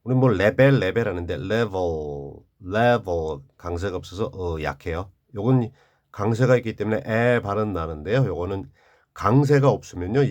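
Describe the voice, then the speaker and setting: A man teaching an English vocabulary lesson, reading each word and then explaining its meaning and stress. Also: fairly low pitch. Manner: slow and drawn out, explaining stress and word forms.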